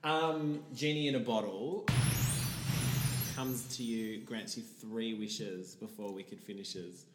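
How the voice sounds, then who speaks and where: A woman's voice: very deep voice, takes it slowly, echoey room, over music. A woman hosting a casual interview, asking playful, teasing questions and laughing often. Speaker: interview host.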